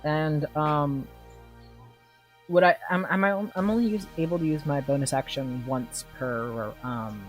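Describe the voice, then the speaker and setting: A tabletop game player asking rule questions, thinking aloud with many pauses and fillers. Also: medium pitch, faint music behind. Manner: slow, hesitant, thinking aloud. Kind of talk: casual chat in a tabletop game.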